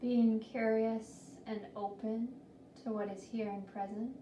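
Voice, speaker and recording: Soft and calming, a woman guides listeners through a body scan meditation in a fairly high, even-toned voice. Her phrases come slowly, separated by long pauses. The audio is distant and roomy, carrying a little noise.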